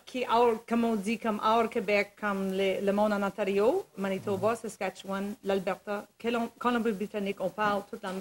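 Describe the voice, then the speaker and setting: A woman's voice: medium pitch, fairly even intonation, normal speed, few pauses, a little hiss or hum, rough recording. A woman from Canada with a Canadian French accent, chatting as a guest singer and laughing often. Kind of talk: casual chat.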